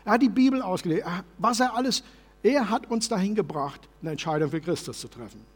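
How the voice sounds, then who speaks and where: A man preaching a sermon as pastor in a church service, passionate and shifting from loud to soft. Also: sits high, lively intonation, brisk, husky, in a large hall.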